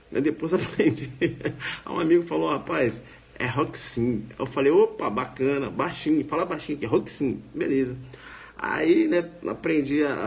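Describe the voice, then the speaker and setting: A man with a Brazilian accent, a law professor giving a casual live online lecture in a slangy, playful way, often tagging his sentences with quick questions. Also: on the high side, gravelly, a little mellow.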